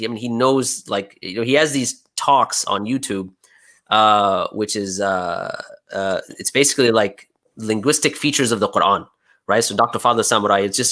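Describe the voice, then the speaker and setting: A young American man, appearing as a guest speaker, chats casually on a live stream with a voice on the low side and a sharp tone. He's talkative and laughs often, his speech full of "you know" and "right."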